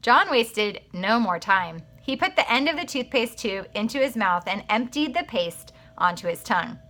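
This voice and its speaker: A woman, a teacher, reading a children's book aloud in an expressive, animated way. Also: fairly high pitch, normal speed.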